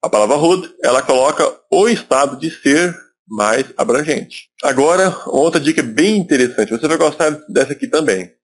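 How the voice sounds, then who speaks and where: Husky-voiced Brazilian man teaching a lesson. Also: fairly high pitch, animated, normal speed. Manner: explanatory, repeats words for emphasis. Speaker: English teacher. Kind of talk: recorded video lesson.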